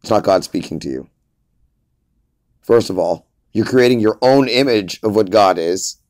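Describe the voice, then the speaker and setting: A man's voice: on the low side, normal speed, darkish tone, no echo. A man preaching informally in an emphatic, lecturing way, often repeating his points.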